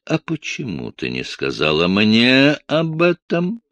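A man doing a booming, wrathful pious tyrant. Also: sing-song, slow, gravelly, heavily acted. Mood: indignant. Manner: booming, scolding. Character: stern, ranting, pious older man.

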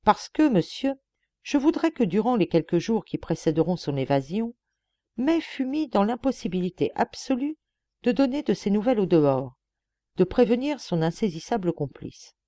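A woman's voice: mid-range voice, sing-song, moderate pace, warm tone, no room sound, lightly acted. A woman reading an earnest young detective. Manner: earnest, persuasive, emphatic. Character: young male police detective, shrewd and earnest.

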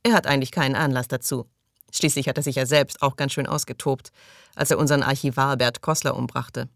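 A man voicing a calm, gently sardonic male crew leader in an audiobook, speaking evenly. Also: mid-range voice, a little fast, creaky, no echo, clean studio sound. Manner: gentle, even, dryly mocking.

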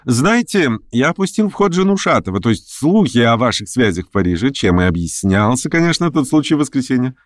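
A nervy young man who pours out words in a pitched-up, eager chatter, as a male reader puts him on. His voice leaps about with fawning excitement. The sound is dry and close, from an audiobook. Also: no echo, lightly acted. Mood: excited. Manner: rapid, excitable, wheedling patter. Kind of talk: audiobook character voice.

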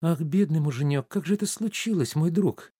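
A man voicing a wife who coos soft endearments at her husband in a play reading. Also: a little high, a little fast, husky, pitched above the performer's own voice. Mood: cooing.

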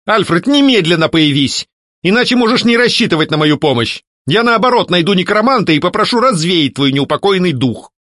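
A man's voice: on the high side, big pitch swings, normal speed, no echo, clean studio sound, pitched above the performer's own voice. A man voicing a young countess who questions and commands firmly. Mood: angry. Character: young widowed countess, sharp and firm.

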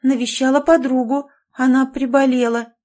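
A woman's voice: sits high, little pitch movement, moderate pace, a little mellow, pitched above the performer's own voice, lightly acted. A woman voicing a nosy, fussy older society lady who exclaims in shock, in an audiobook. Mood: flustered. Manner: exclaiming, scandalized.

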